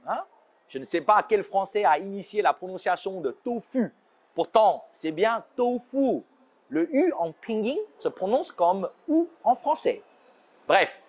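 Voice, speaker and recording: A man from China with a Chinese accent, explaining brand names in a playful, scripted lesson and slowing down to show how words are said. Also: fairly high pitch. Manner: playful, slows down to demonstrate pronunciations. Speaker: language teacher.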